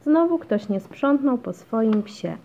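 A tired, patient mother from a storybook, weary but gently firm as a woman reads her part. The speech is slow and slightly gravelly, and the recording is dull and lo-fi. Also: fairly high pitch, lively intonation, pitched above the performer's own voice, full character voice.

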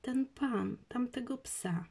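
A woman voicing a small, curious, easily frightened girl in a children's audiobook, speaking in a high, breathless child's voice. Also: lively intonation, measured pace, vocal fry, darkish tone, full character voice.

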